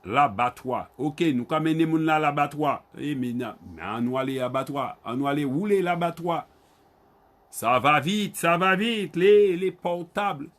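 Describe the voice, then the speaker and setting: A man's slightly high, fairly bright voice carries a Guadeloupean Creole accent as he teaches Creole online. He goes slowly, repeating and spelling out each word letter by letter, then calls on students by name.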